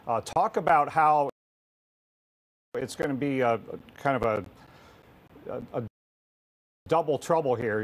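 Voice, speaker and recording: Halting man anchoring live storm coverage. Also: medium pitch, poor audio. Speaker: weather broadcast host.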